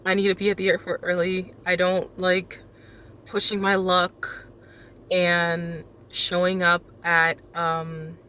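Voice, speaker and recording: A rambling, sleep-deprived night shift nurse in her twenties from South Florida vlogs casually in an airport terminal, chatty and full of fillers. Her lowish voice is monotone, slow and sharp in tone, with slight background noise.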